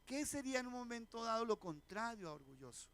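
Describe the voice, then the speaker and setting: High-voiced pastor preaching. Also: male voice, very animated, fast, fairly bright tone, a little hiss or hum. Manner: asks the congregation questions, acts out quoted voices. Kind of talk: sermon. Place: church sanctuary.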